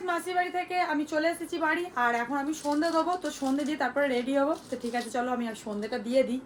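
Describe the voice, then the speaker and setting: Talking very fast in a high, steady voice, a young vlogger and mother narrates casually for her viewers and laughs a lot while showing her family. She is indoors at home and at a relative's house, and a little hiss or hum sits under the audio.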